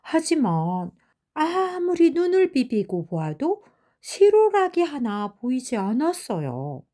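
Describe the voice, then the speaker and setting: Reading fairy tales to children, an elderly woman uses a high voice with huge, expressive pitch swings. She speaks slowly and gently, like a storyteller.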